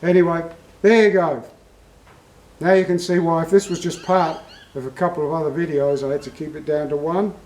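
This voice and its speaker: A man's voice: a little high, fairly even intonation, brisk, a little mellow, roomy sound, poor audio. An Australian man hosting a vlog, telling a story in a folksy, heartfelt way. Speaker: vlog host. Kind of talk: casual storytelling.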